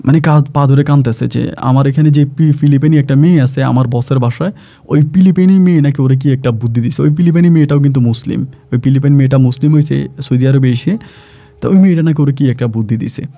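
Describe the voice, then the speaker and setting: A man's voice: medium pitch, quick pace, dark tone. A man telling a story from his own life as a worker, in a rambling way that often repeats itself. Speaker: migrant worker gardener. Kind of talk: casual first-person storytelling.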